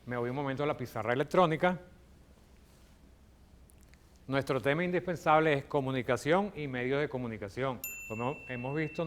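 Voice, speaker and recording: A Venezuelan man teaching a lesson on television in a mid-range voice, neither high nor low. He walks through the ideas patiently and keeps checking in with the viewer. He sounds like a teacher at a whiteboard. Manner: explanatory, checks in with frequent "ok?". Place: studio with electronic whiteboard.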